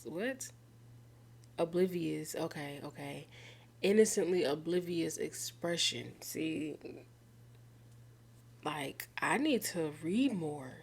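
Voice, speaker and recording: Slow, low-voiced woman gamer reading aloud. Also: a little mellow. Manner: casual, slangy, incredulous reactions and laughs. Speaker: gaming streamer. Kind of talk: let's-play commentary, reading game text aloud.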